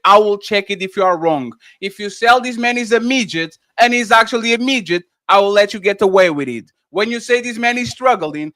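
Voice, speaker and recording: A man's voice: high voice, a bit bright, no echo, studio quality. A man from Russia hosting a livestream panel, blunt and profane, repeating himself when cut off. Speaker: host.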